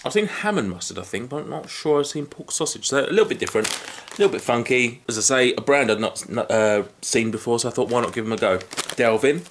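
A man's voice: mid-range voice, expressive, quick pace. A British man in his thirties giving a casual food review at home, talking between bites of crunching chips. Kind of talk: casual, unscripted tasting review to camera. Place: small living room at home, indoors. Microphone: camera a short distance in front. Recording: clear background noise, crinkling packets.

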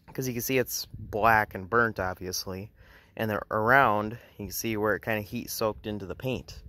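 Relaxed man rambling through a car walkaround. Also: fairly low pitch. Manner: relaxed, rambling, with fillers and restarts. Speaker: car restoration vlogger. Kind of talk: casual walkaround narration. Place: outdoors on a grassy yard beside a car.

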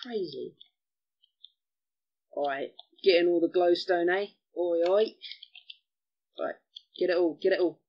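A man giving chatty gameplay commentary as host of a gaming channel, excitable and given to mild cursing. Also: high-pitched, slow pace, long pauses, lo-fi sound.

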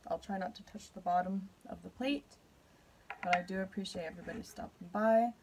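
A woman's voice: mid-range voice, fairly quick, noisy background. A woman from Canada hosting a casual eating vlog at home, chatty and nervous, laughing between bites. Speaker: mukbang YouTuber.

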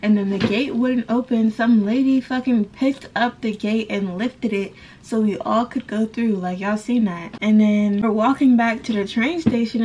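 A woman's voice: on the high side, mellow, low-quality recording. Young woman in a casual vlog. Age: young adult. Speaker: vlogger. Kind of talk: casual storytelling to camera. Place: bedroom at home. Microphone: camera at arm's length.

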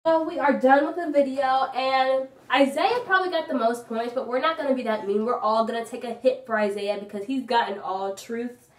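In a home vlog, a woman with a slightly high voice hosts a casual family game, reading game cards aloud quickly while chatting and giggling. She's recorded in an echoey indoor room by a phone camera from across the room.

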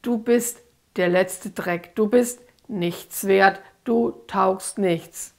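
A woman voicing a cruel male demonic alter who speaks in a dark, staccato, mocking tone of command. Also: mid-range voice, extremely slow, creaky. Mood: menacing.

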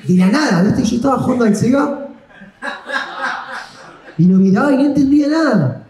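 Young Argentine male comic, rambling self-deprecating storyteller, highish voice. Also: lively intonation, normal speed, crowd noise. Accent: Argentine Spanish. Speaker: stand-up comedian. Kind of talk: live stand-up storytelling. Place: comedy stage. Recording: echoey live room.

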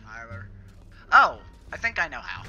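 A young man in casual co-op gaming chat, excitable and cursing when frustrated. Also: medium pitch, moderate pace. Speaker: gamer. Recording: music playing under the talk.

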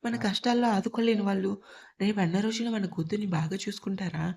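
A woman's voice: mid-range voice, fairly even intonation, brisk, vocal fry, dark tone, breathy edge. Woman reading as a tearful, tender mother. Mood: sorrowful. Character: worried middle-aged mother, tender and tearful. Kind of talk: audiobook character reading.

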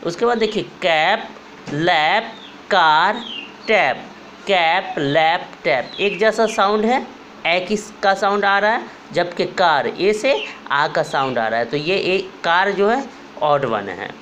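A woman teacher with an Indian accent explaining a grammar lesson, slowly repeating each word one by one. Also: on the low side, lively intonation, a bit bright, dull audio, slight background noise. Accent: Indian English. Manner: slow, patient, repeats words one by one. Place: room with a board.

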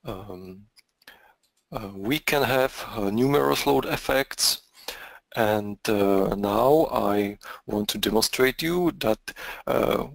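A man with a Czech accent giving a live software demonstration in a halting way, with frequent pauses. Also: lowish voice, gravelly, no room sound. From Czech Republic. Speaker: product engineer presenting software.

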